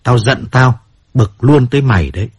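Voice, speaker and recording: A man narrating voices a hot-tempered singer in a storybook reading. The voice is husky, with lively rises and falls. He speaks bluntly and roughly, quick to curse and quick to apologize. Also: medium pitch. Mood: pleading, bitter. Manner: blunt, rough-spoken, swings between cursing and apology. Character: volatile washed-up male singer, apologetic and bitter.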